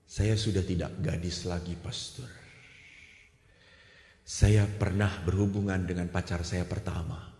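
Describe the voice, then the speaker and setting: A male priest voicing a troubled young woman who confides softly, in a sermon story. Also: low-pitched, steady tone, unhurried, long pauses, reverberant, long reverb tail, a little hiss or hum, pitched below the performer's own voice. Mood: hushed confession.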